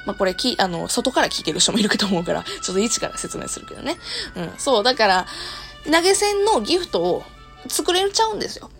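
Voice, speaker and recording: A woman host with a Kansai accent talks casually to her listeners in a worn, hoarse voice. Her pitch sits fairly high and swings in an animated way, and she laughs often. Soft music plays behind her. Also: fast talker. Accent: Kansai Japanese. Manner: laughs often while talking. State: hoarse, worn voice after long streaming. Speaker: host of an audio talk show and live streamer. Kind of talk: casual solo talk to listeners.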